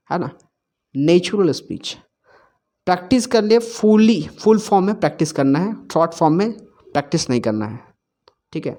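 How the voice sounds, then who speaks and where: A man teaching spoken English, saying example phrases slowly and often checking in with his listeners. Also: a little high, darkish tone. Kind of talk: explaining example sentences in a lesson.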